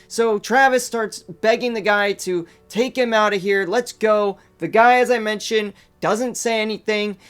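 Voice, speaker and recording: A man's voice: high voice, a bit bright. A man narrating a true story in a casual, conversational way, with loose phrasing and fillers.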